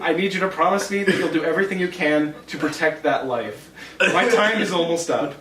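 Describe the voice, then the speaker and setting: A man voicing a wise, aging woman who leads rebels, reading her solemn lines flatly from a script, in an echoey room. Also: a little high, fairly quick, slight background noise, natural voice. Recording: echoey room mic from far off.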